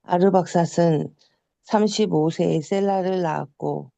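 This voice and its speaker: A reader taking turns reading scripture aloud in a measured, careful way. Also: medium pitch, vocal fry, mellow, no echo.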